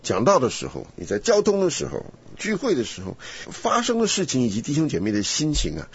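A man hosting a casual Bible study chat, animated and rambling with frequent laughs. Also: medium pitch, fairly quick, creaky, a little hiss or hum. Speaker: host. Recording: dull lo-fi recording.

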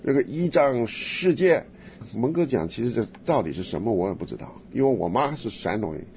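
Lively teasing male radio host. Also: medium pitch, brisk, lo-fi sound, a little hiss or hum. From Henan, China. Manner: lively, teasing, laughs often.

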